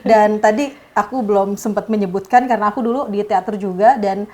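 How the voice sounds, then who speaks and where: A woman's voice: mid-range voice, steady tone, fairly quick, a little mellow. Enthusiastic woman interview host. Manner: enthusiastic, effusive. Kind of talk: casual chat.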